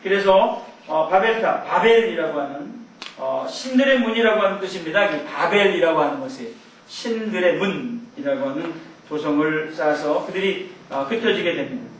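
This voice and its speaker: A man's voice: high voice, lively intonation, moderate pace, distant mic, a little hiss or hum. A middle-aged man teaching a Bible class in a church hall, in a conversational way with rambling asides. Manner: conversational, rambling asides with chuckles and mimicked shouts. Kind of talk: Bible lecture.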